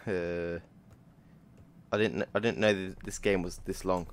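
A man's voice: low-pitched, steady tone, measured pace, a little hiss or hum. A man streaming a horror game, reacting jumpily and swearing constantly as he plays. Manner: swears a lot, jumpy reactive outbursts. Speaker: gaming streamer. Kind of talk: horror game let's play commentary.

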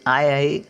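An older woman gives a slow, unhurried lesson at home. She patiently spells out each letter and sounds out words syllable by syllable, often pausing to check that her learner is following. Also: low-pitched, fairly bright tone. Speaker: teacher.

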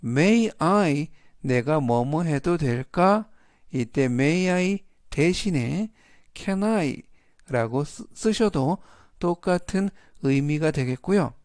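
A man teaching English vocabulary, reading each word and example sentence in slow, deliberate steps. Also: a little high, a little mellow, no echo, studio quality. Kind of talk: scripted vocabulary lesson.

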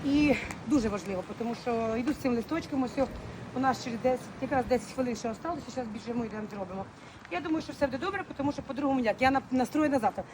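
A woman's voice: sits high, rapid-fire, background noise. A woman from Ukraine, chatting affectionately to her followers in a walking vlog, filmed on a phone. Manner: chatty, affectionate, mixes Ukrainian and Russian words. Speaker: vlogger. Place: outdoors on city streets, then in a clinic hallway.

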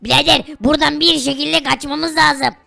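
Gravelly bright woman bantering in a game. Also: high-pitched, steady tone, moderate pace. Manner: grumpy, bantering, bossy. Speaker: co-player in a game role-play. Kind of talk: role-play gameplay banter.

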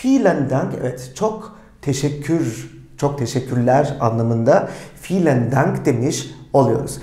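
A teacher in a recorded language lesson whose pitch rises and falls a lot, pronouncing example phrases slowly and deliberately. He keeps putting quick questions to the viewers and then answering them himself. The sound carries a roomy echo. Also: expressive, mellow. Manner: speaks German model phrases slowly and deliberately.

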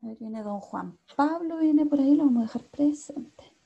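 On a muffled recording, a woman with a high, gravelly, expressive voice teaches English over a video call at a moderate pace. Her accent is Chilean Spanish; she patiently checks in with students constantly and mixes English into her Spanish.

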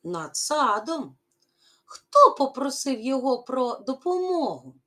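A woman teacher giving a reading lesson to primary school children, expressive and drawing out stressed syllables. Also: sits high, slow.

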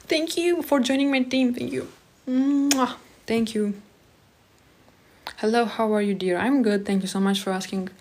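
A Moldovan woman in her twenties, a native Romanian speaker with a Moldovan accent, chats casually on a live stream from a small room at home, reading viewers' comments aloud and replying. Her fairly high, slightly mellow voice is steady and measured, picked up by a phone held close at arm's length.

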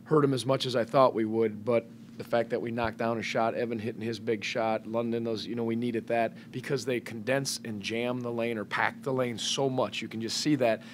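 A middle-aged head basketball coach takes questions at a post-game press conference, speaking thoughtfully into a table microphone with plenty of fillers and restarts. He sits in a press room before a sponsor backdrop, his mid-range voice level in tone at a normal speed, with slight background noise.

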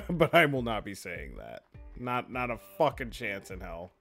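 A man's voice: fairly low pitch, sing-song, measured pace, faint music behind. Guy playing a game and cussing, laughs a lot, voice jumps all over. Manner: swearing, laughing, reacting loudly. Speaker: let's play host. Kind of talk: casual game commentary.

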